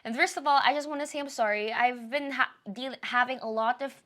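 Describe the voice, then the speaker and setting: A Filipino YouTuber whose first language is Tagalog gives a channel update, chatting casually to camera in a bright, high voice with fairly even intonation and a brisk pace. She's chatty and apologetic, rambling and correcting herself as she goes.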